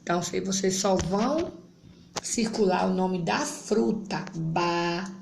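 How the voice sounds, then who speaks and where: Brazilian woman teacher reading to small kids; slow, gravelly, spells out syllables in an echoey room. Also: lowish voice, darkish tone. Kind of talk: reading a literacy worksheet to young children. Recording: echoey room, faint background hum.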